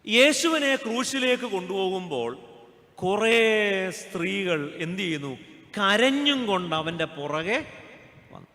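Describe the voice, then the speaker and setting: A male pastor preaches a humorous sermon in a church. His voice sits high and bright, and it carries a long hall reverb. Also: lively intonation, a little slow, long pauses. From Kerala, India. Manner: humorous, asks the congregation questions.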